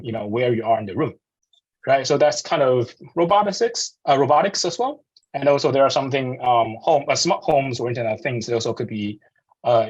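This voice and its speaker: This is a guest speaker in his thirties from Taiwan, walking students through slides on a video call in a muffled recording. His voice is medium in pitch with a Taiwanese accent, and his speech is halting, marked by many fillers and restarts.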